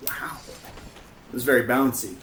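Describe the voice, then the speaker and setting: A man riffs and jokes through a playthrough, excitable and quick to cheer. His voice sits in a mid range and carries a noticeable echo from the room. A faint hiss sits underneath. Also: mid-range voice. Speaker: co-host of a gameplay series. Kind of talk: casual gameplay commentary. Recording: echoey room with faint background noise.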